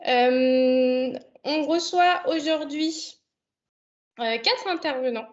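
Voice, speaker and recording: A woman's voice: high-pitched, very slow, dull audio. A young woman hosting an online video conference, speaking hesitantly with many fillers. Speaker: online event host. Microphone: computer mic on a video call.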